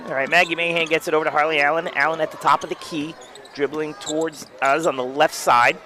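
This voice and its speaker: A man calling a high school basketball game play by play from courtside, quick calls that jump up on big plays. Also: fairly even intonation, sharp tone. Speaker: play-by-play announcer. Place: courtside at a gym.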